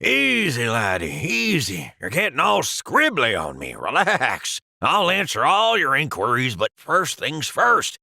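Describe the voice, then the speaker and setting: A gravelly, bright-voiced mentor pen from a cartoon. He swoops widely in pitch as he coaxes and teases, calling everyone lad. The sound is close and dry. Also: huge pitch swings, measured pace, few pauses, dry recording, full character voice. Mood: coaxing. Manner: jokey, calls others lad and laddie. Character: older male pen, calm, teasing office mentor. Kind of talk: animated cartoon voice acting.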